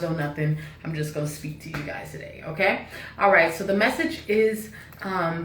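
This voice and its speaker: A woman giving a casual channeled spiritual message to her viewers, relaxed and repetitive, with a preachy lilt. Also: fairly low pitch, reverberant, recorded from a distance, slight background noise. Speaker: spiritual reader.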